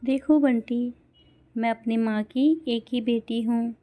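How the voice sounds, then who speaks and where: A woman voicing an anxious, hurt mother sparrow who talks in a soft, complaining way. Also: a little high, little pitch movement, slow pace. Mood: sad.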